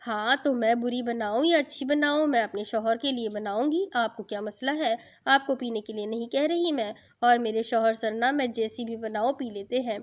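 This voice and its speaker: A woman's voice: on the high side, few pauses, lightly acted. A woman reading a chatty, playfully bossy young bride in an audio novel, with a dull lo-fi sound. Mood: playful teasing. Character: teasing bubbly young bride.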